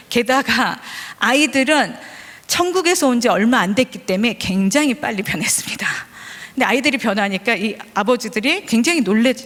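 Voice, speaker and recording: High-voiced woman preaching in a hall. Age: 40s. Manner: lively, joking with the congregation. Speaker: preacher, vice principal. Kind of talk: sermon with humorous storytelling. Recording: long hall reverb.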